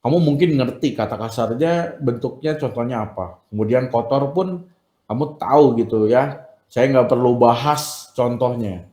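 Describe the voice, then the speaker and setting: A man teaching an online class, chatty and animated, acting out polite phrases for his students. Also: mid-range voice, normal speed, reverberant. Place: room at home or school, video meeting.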